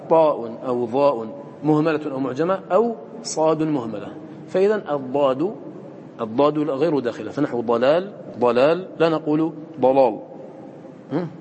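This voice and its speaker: A man's voice: a little high, a little mellow. A man teaching a recitation lesson, explaining step by step and quizzing his students with short questions. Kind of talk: classroom lesson explaining a poem. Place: lecture room with students. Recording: echoey hall with faint noise.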